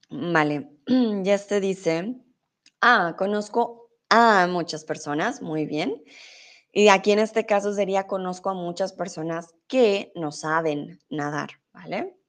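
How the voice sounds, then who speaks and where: Slow, patient woman teaching Spanish. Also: medium pitch. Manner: patient, reads student comments aloud and explains slowly. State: voice a bit off today. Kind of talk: live online Spanish lesson.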